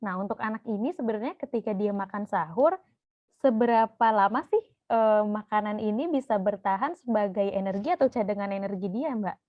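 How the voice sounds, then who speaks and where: A woman's voice: mid-range voice, a little fast. Indonesian woman host, slightly dull sound. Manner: friendly questions, laughs often. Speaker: podcast host. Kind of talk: casual podcast interview.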